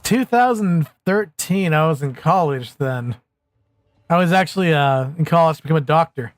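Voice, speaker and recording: A man's voice: a little high, expressive, moderate pace, no echo. A man in his thirties chatting casually on a livestream, rambling and sarcastic. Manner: rambling, self-mocking and sarcastic. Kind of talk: casual live-stream chat.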